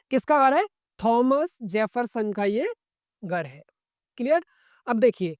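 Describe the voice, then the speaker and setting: A man with an Indian accent teaching an online exam-prep lecture, drilling points and often checking in with "right?" and "clear?". He asks questions and then answers them himself. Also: very high-pitched, no echo, studio quality. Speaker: architecture entrance-exam tutor.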